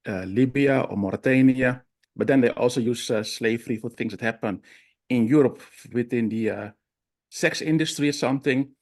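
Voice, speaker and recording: A man speaking in an online seminar discussion, halting with many fillers and restarts, heard over a video call. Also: mid-range voice. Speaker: discussion participant.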